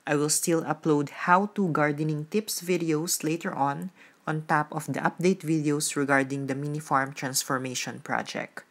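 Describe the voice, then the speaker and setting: Low-voiced woman vlogging from a farm. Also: steady tone, moderate pace, fairly bright tone. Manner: friendly, explanatory. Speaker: gardening vlogger. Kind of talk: casual vlog narration.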